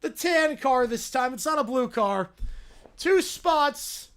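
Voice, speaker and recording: A woman giving casual livestream reaction commentary, excitable and mocking, often gleefully repeating phrases. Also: high-pitched, slow. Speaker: livestream host reacting to videos.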